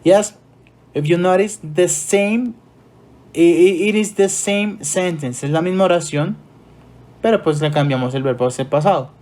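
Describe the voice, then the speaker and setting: A man with a Colombian Spanish accent gives an English grammar lesson, moving between explanations in Spanish and slowly spoken English examples. His voice is high-pitched with a darkish tone.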